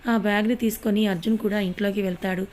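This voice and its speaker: A woman's voice: mid-range voice, fairly even intonation, quick pace, darkish tone, a little hiss or hum. Woman storyteller, scripted audio-story narration.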